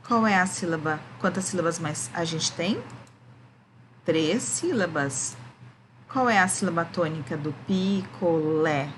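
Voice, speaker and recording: A woman's voice: on the low side, background noise. A woman, a primary school teacher, gives a remote lesson to children, explaining patiently and often checking that they follow.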